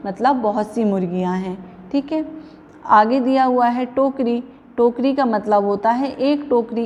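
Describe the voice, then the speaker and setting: A woman's voice: on the high side, warm tone, in a large hall, slight background noise. A woman teaching young children a grammar lesson, patiently asking the class questions and repeating each answer. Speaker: primary school teacher.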